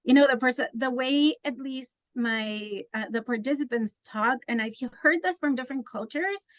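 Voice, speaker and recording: A woman's voice: sits high, normal speed, a bit bright, no echo. A woman from Mexico, an assistant professor asking a chatty question at a talk. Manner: chatty, thinking aloud.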